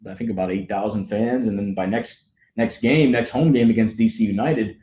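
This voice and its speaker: A man's voice: fairly low pitch, normal speed, warm tone, slight background noise. A man, a stadium announcer, telling stories with enthusiasm and frequent laughs in a casual interview. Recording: roomy echo.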